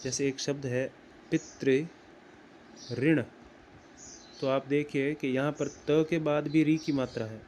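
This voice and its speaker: A man teaching grammar, explaining slowly and deliberately and repeating words as he writes them out. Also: medium pitch, steady tone, a little mellow, a little hiss or hum. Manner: slow and deliberate, repeats words while writing. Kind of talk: explaining at a whiteboard.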